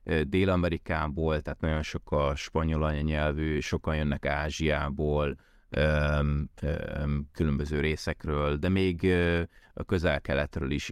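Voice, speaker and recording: A Hungarian tech worker who moved abroad chats casually as a podcast guest, often rephrasing and looping back mid-sentence. His rumbling low voice is creaky, clear and resonant, captured in studio quality with no echo.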